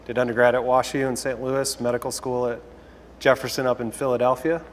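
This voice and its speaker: A young man from Chicago, an orthopedic resident on a panel, speaking haltingly with many restarts. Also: mid-range voice, steady tone, a little hiss or hum. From Chicago, Illinois. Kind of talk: panel discussion. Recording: room with long reverb.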